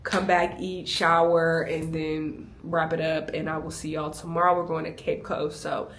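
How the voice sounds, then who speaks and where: A young woman vlogging a casual travel storytime, animated and laughing as she acts out what people said to her. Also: deep voice, moderate pace, slight background noise.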